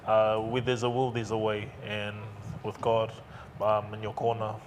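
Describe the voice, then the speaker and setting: A young man from Samoa, an athlete, answering interview questions calmly and steadily. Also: lowish voice, normal speed. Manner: calm, steady, repeats phrases. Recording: clear background noise.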